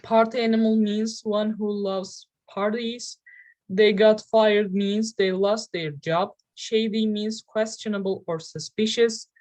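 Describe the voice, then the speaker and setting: Slow, careful Turkish-accented woman. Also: medium pitch, fairly even intonation, a little mellow, low-quality recording. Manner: slow, deliberate, with pauses and fillers. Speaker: English learning video host. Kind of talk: slow, careful lesson narration.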